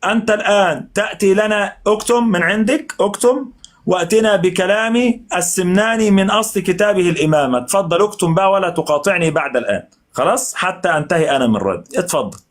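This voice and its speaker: A man's voice: sits high, fast talker. A man in a heated online debate, commanding and telling his opponent to stop interrupting. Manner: commanding, tells the other to calm down and stop interrupting.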